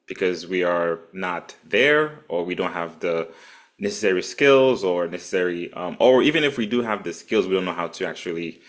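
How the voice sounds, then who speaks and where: A man from Haiti, speaking thoughtfully as a panelist in an online discussion, often pausing with "um". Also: low-pitched, a bit bright. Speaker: panelist, policy group founder.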